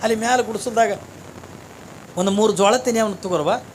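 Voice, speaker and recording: A preacher voicing a calm, kindly wandering holy man with a North Karnataka Kannada accent, speaking gently. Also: sits high, fairly quick, slight background noise, voice pushed down, natural voice. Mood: gentle, reassuring.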